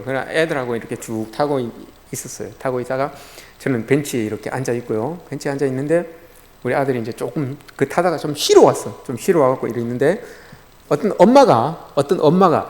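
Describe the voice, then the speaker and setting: A man's voice: medium pitch, darkish tone. A middle-aged male pastor delivering a sermon in a conversational storytelling way. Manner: storytelling, conversational, addresses listeners often. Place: church sanctuary. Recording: long reverb in a church hall.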